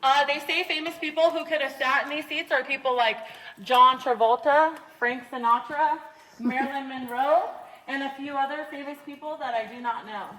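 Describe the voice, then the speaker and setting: Lady tour guide in a cave, high voice, big cave echo, kinda far off from the mic. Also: fairly even intonation, normal speed, sharp tone. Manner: casual, chatty, gives safety reminders. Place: inside a large cave. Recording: echoey cave voice from a distance, faint noise.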